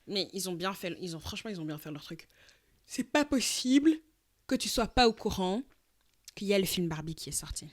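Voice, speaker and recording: A woman co-hosting an easygoing podcast in a voice of ordinary pitch. She chats loosely and teasingly, slipping English phrases in between her sentences. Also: animated, a little fast. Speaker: podcast co-host. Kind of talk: casual chat.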